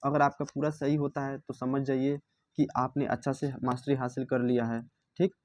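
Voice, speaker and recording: A man teaches a vocabulary lesson, reading English lines from a book slowly and explaining them, often repeating words and asking himself questions. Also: mid-range voice, level tone, a little mellow. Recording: dull lo-fi dry recording.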